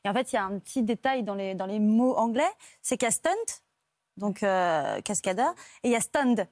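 Fast-talking French actress telling stories. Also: female voice, mid-range voice, no room sound, clean studio sound. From France. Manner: lively storytelling with many fillers. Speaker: guest, actress and stand-in. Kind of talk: talk show interview.

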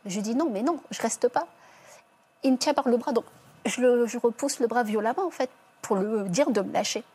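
Interviewee, female, husky higher voice; subdued, halting testimony full of restarts. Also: darkish tone. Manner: halting, with many restarts and self-corrections. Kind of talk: personal testimony.

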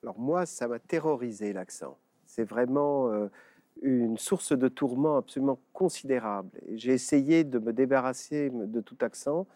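A man author speaking reflectively on a TV talk show, halting with many fillers. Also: medium pitch, mellow, no room sound. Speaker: author guest. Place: TV studio.

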